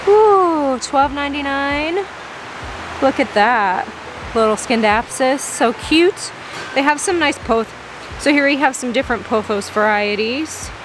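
A young woman with a slightly high voice gushes over plants as she wanders a big greenhouse nursery, filming on a handheld phone. She exclaims and reads price tags aloud. A steady hiss of noise sits under her voice. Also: measured pace. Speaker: plant vlogger. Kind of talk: excited plant-shopping vlog. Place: large indoor greenhouse nursery. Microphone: handheld phone camera.

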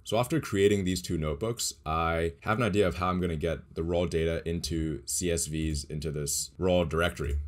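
A man's voice: sits low, a little fast, hardly any pauses. A young man casually walking through his data science project on a screen share, explaining as he goes with small restarts. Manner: relaxed, explanatory, thinks aloud with small restarts. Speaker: data science tutorial creator.

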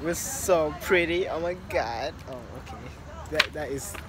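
A young woman vlogger chatting casually at a church youth gathering, playful and laughing, her voice going hoarse. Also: deep voice, unhurried, heavy background noise. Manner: playful, laughs often, upbeat sign-off. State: losing her voice. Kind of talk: casual vlog chat. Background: loud music.

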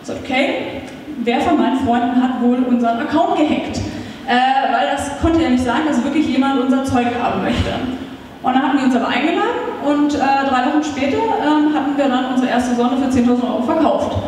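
A startup founder with a high-pitched voice and a light lilt gives a conference talk into a handheld mic on a meetup stage, speaking briskly and chattily with many small fillers. Recorded from far across a large hall, her voice carries heavy echo with a long tail, plus slight background noise.

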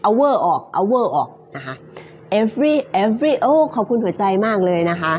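A woman teaching English pronunciation, repeating phrases word by word and then explaining them quickly, with frequent polite particles. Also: on the high side, sing-song, darkish tone, slight background noise. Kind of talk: live-streamed pronunciation lesson.

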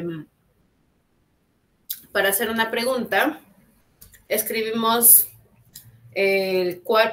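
Brief: woman teacher on a video call, patient explainer, middle-pitched voice. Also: fairly bright tone. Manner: patient, explaining, checks in with frequent tag questions. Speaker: English teacher. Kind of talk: online class lesson. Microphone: computer mic on video call.

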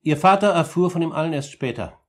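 A male actor in a 1950s German radio play portrays a composed older uncle who speaks formally and deliberately, pressing his words with firm, accusing emphasis. His husky voice is a little high and sounds natural, and the mood is grave and insistent.

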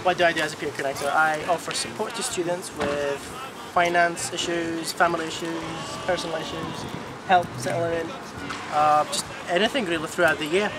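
A man's voice: fairly high pitch, level tone, brisk, heavy background noise. A young man, a third-year student helper, answering interview questions outdoors in an earnest, helpful way. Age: young adult. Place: outdoors on campus. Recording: loud music under the voice.

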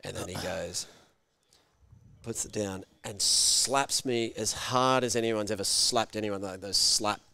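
A man's voice: lowish voice, measured pace, creaky, dry recording. A man telling a story casually, swearing freely and acting out the voices of people in it. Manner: animated, swears freely, acts out shouted quotes. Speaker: guest.

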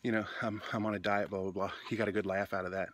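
A man in his forties, out of breath and chatty, vlogging on a phone held at arm's length while walking a dark street at night. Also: fairly low pitch, flat delivery, fast. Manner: tired, winded, chatty. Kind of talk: casual walking vlog. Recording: noisy outdoor phone recording.

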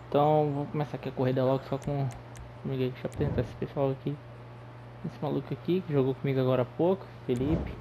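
Lisping Brazilian man, higher-pitched, game noise behind. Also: dark tone, low-quality recording. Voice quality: tongue-tied lisp with slushy s sounds. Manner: informal, slangy, exclamatory. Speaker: gaming video host. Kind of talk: casual gameplay commentary. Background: car engine sounds from racing game.

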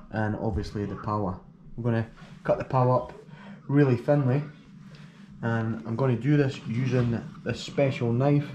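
A young man with a New Zealand accent, casually talking through cooking in his home kitchen, relaxed and chatty, repeating words as he explains. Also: mid-range voice. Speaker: vlogger. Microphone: action camera. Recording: noisy home video with background hum.

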